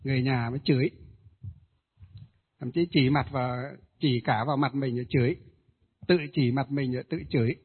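A man, a Buddhist ritual master, tells a ghost story in a hesitant way, with many filler pauses. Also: medium pitch, fairly even intonation, husky. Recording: tinny phone-like audio.

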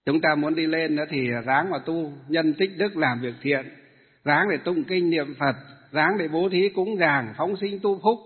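A Buddhist monk delivers a dharma talk, putting questions to his listeners and answering them himself. His voice is husky and sits fairly high for a man. The sound is tinny and phone-like, with long reverb trailing off the hall. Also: a little slow. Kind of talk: dharma talk to lay followers.

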